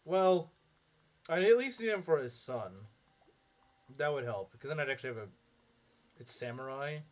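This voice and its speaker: Here a young man with a fairly high, expressive voice streams a game at a normal speed. His casual commentary reads out chat and wanders through his thoughts, with many fillers and lots of chuckling.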